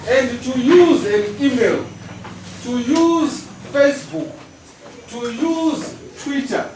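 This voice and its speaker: A middle-aged man teaching a school class. He speaks slowly and deliberately, often checking with the pupils. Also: extremely high pitch, darkish tone. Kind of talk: classroom lesson. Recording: roomy hall echo, distant mic, class noise.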